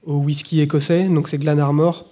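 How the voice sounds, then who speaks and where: Hesitant man with a dark tone. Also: fairly high pitch, level tone, normal speed. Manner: hesitant, many fillers and restarts. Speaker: podcast co-host presenting whiskies. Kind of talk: casual live podcast chat. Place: live event recording.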